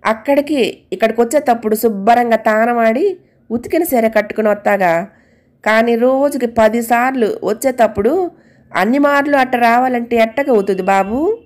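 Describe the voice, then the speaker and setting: A woman's voice: fairly high pitch, normal speed, close to an everyday voice. A woman voicing a poor, plain-spoken older housemaid who talks in rustic colloquial speech. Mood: pleading.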